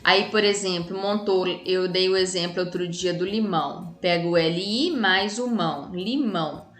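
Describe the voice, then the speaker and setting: Her voice sits on the low side yet sounds a bit bright as this Brazilian Portuguese-accented teacher casually explains a lesson to children. She's chatty and leans on tag questions, recorded in an echoey room with faint music.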